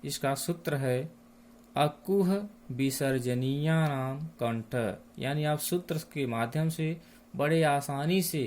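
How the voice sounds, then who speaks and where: A man teaching a class lesson, speaking slowly and deliberately and lingering on each sound. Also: a little high, darkish tone, a little hiss or hum.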